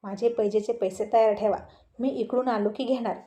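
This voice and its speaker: A woman's voice: on the high side, steady tone, moderate pace, mellow, muffled recording, close to an everyday voice. Woman reading as an impatient young husband. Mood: coaxing. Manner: coaxing, then scolding.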